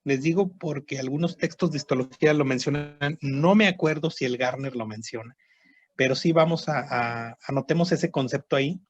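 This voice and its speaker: A man's voice: mid-range voice, normal speed, dull audio. A man teaching a histology class online, explaining step by step and checking in with students. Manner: explanatory, repeats terms, frequent "¿sí?" and "¿verdad?" checks.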